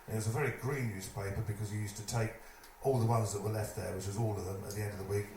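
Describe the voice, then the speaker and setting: A man telling a lively stage anecdote, putting on other people's voices as he goes. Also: lowish voice, quick pace. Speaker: storyteller at a live evening event. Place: live event venue, indoors. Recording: echoey room, distant mic, noisy.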